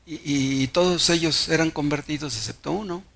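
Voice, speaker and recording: A man's voice: fairly high pitch, steady tone, normal speed, gravelly, fairly bright tone. A Mexican pastor preaching a sermon, telling stories and asking the congregation rhetorical questions, often repeating words as he restarts.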